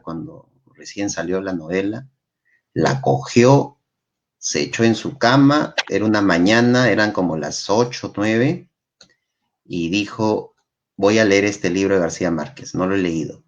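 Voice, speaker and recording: A man's voice: on the low side, slight background noise. A man, a guest in casual chat, telling stories and acting out the people in them. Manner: animated storyteller, acts out quotes. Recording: dull lo-fi sound.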